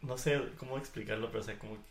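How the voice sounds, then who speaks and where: A man's voice: fairly low pitch, very fast. A man chatting casually on a podcast, rambling through hesitant explanations and laughing often. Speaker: podcast co-host. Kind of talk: casual chat. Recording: echoey room.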